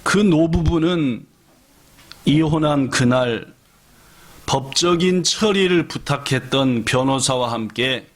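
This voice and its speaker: A man, a pastor, telling a story in a sermon and asking the audience questions as he goes. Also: medium pitch.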